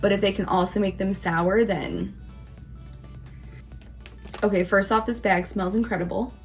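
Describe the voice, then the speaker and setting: A woman's voice: mid-range voice, fairly even intonation, a little slow, soft background music. A woman hosting a casual taste-test vlog, talking informally and emphatically in a rambling, conversational way. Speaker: candy reviewer, video host.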